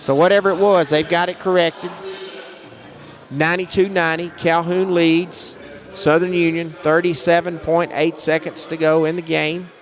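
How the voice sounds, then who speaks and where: A man doing live play-by-play commentary on a basketball game, brisk and matter-of-fact, raising his voice on big plays. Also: a little high, little pitch movement. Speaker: play-by-play announcer.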